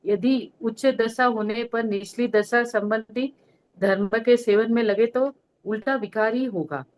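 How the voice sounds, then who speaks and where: Woman reading a text aloud, measured. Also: on the high side, steady tone, a little mellow, rough recording. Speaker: reader.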